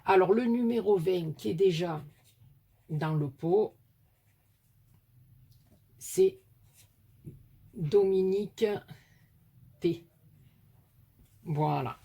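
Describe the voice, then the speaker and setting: A woman's voice: sits low, gravelly, darkish tone, slight background noise. A woman with a southern French accent, chatting casually and affectionately to viewers as she opens mail from her crafting followers. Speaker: craft YouTuber opening mail.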